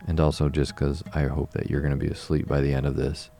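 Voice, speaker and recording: A man with an extremely low, gravelly voice works as a sleep story narrator. His delivery is soft-toned and dark, gentle and unhurried, made to lull a listener to sleep. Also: level tone. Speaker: sleep podcast host and reader. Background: soft plucked guitar-ukulele music.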